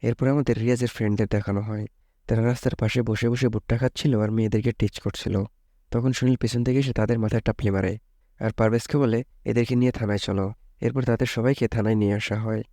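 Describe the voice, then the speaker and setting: A man narrating a thriller plot recap in a casual, chatty way, tossing in joking asides. His tone is mellow and dark. He is recorded close on the mic and sounds dry. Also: fairly low pitch, steady tone, fast talker, no echo. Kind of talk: casual movie plot retelling.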